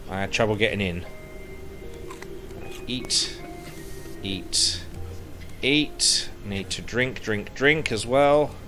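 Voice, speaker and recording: Game music plays beneath this thirty-something streamer as he chats to himself through a headset mic during casual gameplay. He speaks slowly with long pauses, in a fairly low, bright voice that is animated and forceful.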